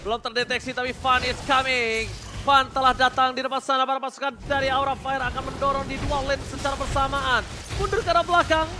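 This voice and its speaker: An Indonesian man doing excited, dramatic esports play-by-play like a fighting game announcer, breaking into shouts. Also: extremely high pitch, fairly quick. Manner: hype, dramatic calls with shouting. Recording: crowd noise behind the voice.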